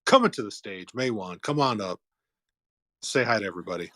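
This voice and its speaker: A man's voice: lowish voice, lively intonation, brisk, pushed and bright, dry recording. A man hosting a casual online chat, talking enthusiastically and laughing easily. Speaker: host. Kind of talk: casual chat on an audio room.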